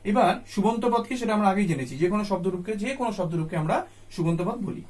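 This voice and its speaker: Man, high voice, patient grammar teacher, repeats terms slowly. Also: animated, a little mellow. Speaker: Sanskrit teacher. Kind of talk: explanatory grammar lesson.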